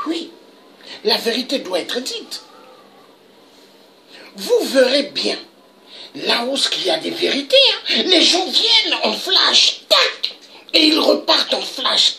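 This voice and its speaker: Woman, political commentator: slow, indignant rant with a gravelly edge and sharp, high tone. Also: a little hiss or hum. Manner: emphatic, indignant, with dramatic pitch leaps. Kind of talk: impassioned political monologue.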